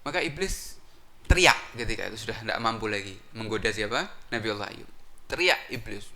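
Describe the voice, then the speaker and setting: Bright-voiced preacher quizzing the crowd. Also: male voice, animated, brisk. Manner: rhetorical questions answered himself; sudden pitch jumps for emphasis. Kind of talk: sermon storytelling.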